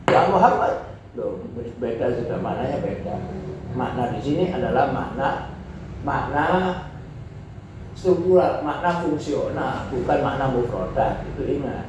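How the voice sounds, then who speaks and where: A male teacher from Indonesia, giving a classroom lecture: he reads Arabic text aloud, then explains it in relaxed Indonesian with many repetitions. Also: medium pitch, measured pace. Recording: echoey hall, distant and dull mic, faint noise.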